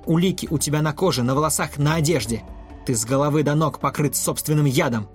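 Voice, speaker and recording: A man's voice: on the high side, fast talker, faint music behind, lightly acted. A man playing a furious young boy. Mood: angry accusing. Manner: loud, indignant declaiming.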